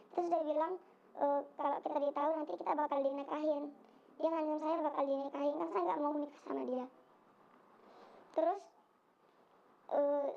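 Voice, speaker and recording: A young woman giving spoken testimony, halting and hesitant with many fillers, on a dull lo-fi recording. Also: high voice, gravelly, darkish tone. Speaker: interviewee recounting an assault.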